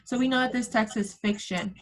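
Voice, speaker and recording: Fairly high in pitch and a little fast, a woman teaches young children in an interactive online kindergarten lesson, heard in a rough recording. She encourages them over a video call through her computer microphone, using simple prompts and endearments.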